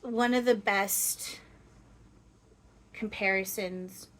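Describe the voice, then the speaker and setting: A woman speaking as a seance medium, voicing a gentle, playful, loving spirit guide who teaches in halting phrases with long pauses. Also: lowish voice. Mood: gentle, teaching. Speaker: trance channeler. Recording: clear steady background noise.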